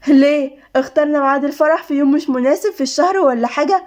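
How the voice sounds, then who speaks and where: A woman's voice: high voice, rapid-fire, a little mellow, close to an everyday voice. A woman with an Egyptian accent voicing a playful young bride in a storybook reading, teasing and cheerful. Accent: Egyptian Arabic.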